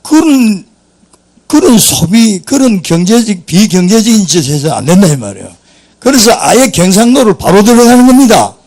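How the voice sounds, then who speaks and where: A man's voice: sits high, very animated, moderate pace, a little mellow. An older man, a pastor with a Gyeongsang Korean accent, preaching a sermon in a folksy, jokey storytelling way.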